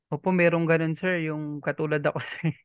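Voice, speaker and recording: A man's voice: fairly high pitch, level tone, brisk, clean tone, no echo. A man teaching a language lesson in a patient, polite way, often repeating himself and checking that the learners follow.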